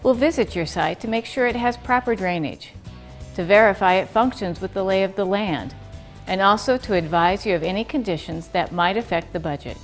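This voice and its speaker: A woman's voice: mid-range voice, a little fast, soft background music. A woman reading scripted promotional narration as the narrator of an infomercial.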